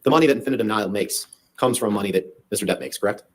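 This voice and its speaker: A man's voice: fairly low pitch, very fast. A man cross-examining as a lawyer in court, pressing with leading tag questions.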